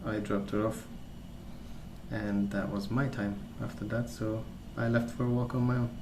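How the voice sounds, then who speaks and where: A man with a fairly low pitch, an ASMR video creator, meanders through a casual story in a soft, calm, gentle voice, never rushing. Clear background noise fills out the roomy sound.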